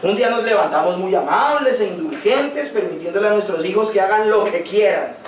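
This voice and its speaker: A man's voice: sits high, animated, fairly quick, a little hiss or hum. A male pastor preaching a sermon earnestly, now and then acting out quoted dialogue. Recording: roomy distant sound, recorded without a microphone.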